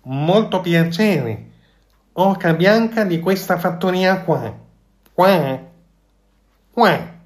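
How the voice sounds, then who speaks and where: A man's voice: high voice, expressive, very slow, long pauses, voice pushed up, exaggerated voice. A man voicing a silly, cheerful female goose with a honking, singsong manner in a storybook reading. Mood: proud.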